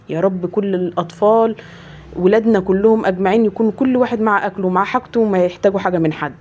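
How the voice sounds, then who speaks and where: A woman's voice: medium pitch, mellow, muffled recording. A woman in her thirties with an Egyptian accent, a mother chatting earnestly with her viewers, swearing oaths often and retelling conversations. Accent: Egyptian Arabic. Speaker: mother vlogger. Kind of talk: heartfelt casual chat to viewers.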